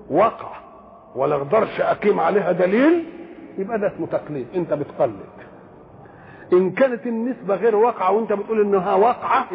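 Over a tinny, phone-quality line with light hiss, a man lectures on religion as a Quran commentator. His voice is high and gravelly, shaped by an Egyptian Arabic accent. He works through self-posed questions and answers, and he recites verses slowly.

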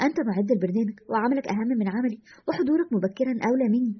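A woman's voice: a little high, animated, very fast, slightly rough, muffled recording. A woman voicing a stubborn, defiant male radio host who is weary of his work, in a storybook reading.

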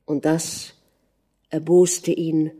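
A woman narrating a literary audiobook in a measured, dramatic manner. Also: low-pitched, level tone, mellow, slightly rough.

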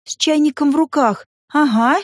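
Wry, expressive woman audiobook narrator. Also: fairly high pitch, moderate pace, no room sound, studio quality. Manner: lively, wry, ironic.

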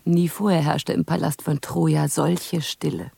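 An actress voicing a haunted young prophetess in a radio play, narrating in the first person with intense delivery that sinks into whispers. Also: female voice, low voice, steady tone, a little slow, vocal fry, warm tone, breathy edge, no room sound, exaggerated voice.

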